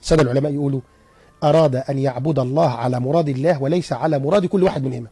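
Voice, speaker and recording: A man with an Egyptian accent, a guest psychologist on a radio interview, explaining in an animated way with stories and rhetorical questions. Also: mid-range voice, rapid-fire, husky, dry recording.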